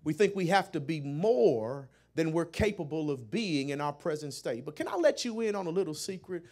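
A middle-aged man preaching a sermon as a pastor, repeating words and building to shouted peaks that call the congregation to respond. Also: fairly high pitch, expressive, moderate pace.

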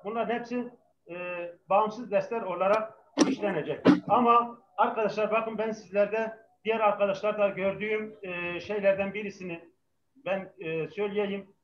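In this live class, the man's high voice holds a fairly even intonation at normal speed while he patiently drills students and they call back answers. A heavy echo from the mic comes through, along with a little hiss or hum. The result is echoing and dull.

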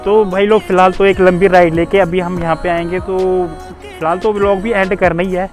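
A young man giving casual motovlog commentary from his motorcycle on a highway, chatty and talking to viewers as brothers. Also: little pitch movement, a little fast. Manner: chatty, keeps saying "bhai" to viewers. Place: outdoors, riding a motorcycle on a highway. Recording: music over the sound.

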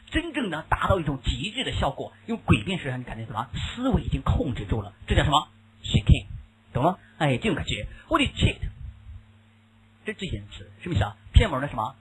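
Lively husky Chinese man lecturing. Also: on the high side, fast, low-quality recording. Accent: Mandarin Chinese. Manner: lively, mixes Chinese and English, keeps asking the class questions. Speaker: English teacher. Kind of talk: classroom lecture.

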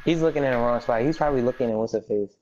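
A man's voice: mid-range voice, very fast, darkish tone, dull audio. A young man talking in a blunt, slangy, sweary way over casual gaming voice chat. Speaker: online gamer. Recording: noisy game chat with clicks.

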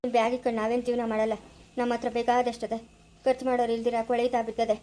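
A young village husband caught between family, played by a woman, talking quickly and soothingly in a high voice with a Chikkaballapur Kannada accent. It is a homemade family skit. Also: completely flat delivery, dark tone, a little hiss or hum, natural voice. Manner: soothing, reassuring.

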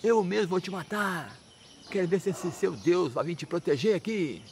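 A man's voice: high voice, lively intonation, normal speed, gravelly, darkish tone, a little hiss or hum, pitched above the performer's own voice. A man voicing an angry demon king father who threatens his devout son, in a spoken religious storytelling. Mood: threatening. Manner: indignant, threatening.

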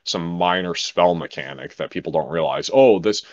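A man speaking to camera as a game server developer, in a frustrated, profane, rapid rant. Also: low voice, fairly even intonation, highs cut off. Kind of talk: casual monologue to camera.

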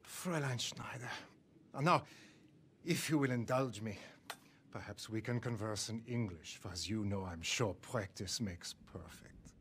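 An actor playing a cruel, sly middle-aged German officer, speaking in a silky, mocking way with a German accent. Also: male voice, on the low side, measured pace, a little hiss or hum, lightly acted. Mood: cold. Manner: silky, mocking, relishing menace.

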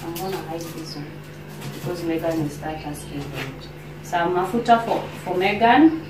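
A woman with a Kenyan accent talks through her shopping in an unhurried, chatty way, pausing often to search for words. She stands a few steps from the camera in a home kitchen, so her voice sounds roomy and distant. A steady hiss runs under the recording. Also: medium pitch. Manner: chatty, unhurried, many fillers and pauses. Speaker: vlogger. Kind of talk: casual grocery haul vlog. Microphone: camera on the counter, a few steps away.

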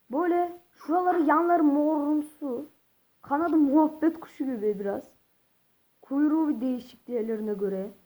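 A woman with a high, mellow voice chats casually to her viewers in a vlog while handling ducks, on a rough recording. She rambles, calls her audience friends, and keeps correcting herself.

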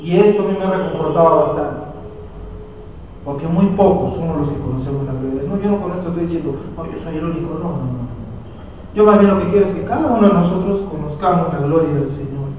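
A young man in his late twenties with a Peruvian accent, preaching a sermon and telling emotional stories, often swelling loud on key phrases. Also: a little high, fast talker, a little hiss or hum. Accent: Peruvian Spanish. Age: late 20s. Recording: echoey hall recorded from far off, dull.

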